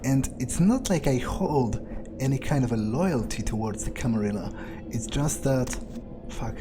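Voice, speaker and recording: A man narrates a video game in character, his mid-range voice expressive and measured against background noise. He thinks aloud in a musing, hesitant way and swears casually.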